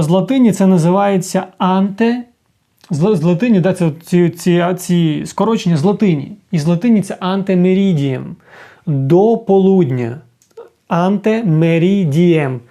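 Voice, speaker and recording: A man gives an online language lesson in a conversational, explanatory way. His voice sits a little high for a man but sounds dark and mellow. He keeps checking in with his listeners as he goes. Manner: explanatory, often adds "так?" and "друзі". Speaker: English teacher.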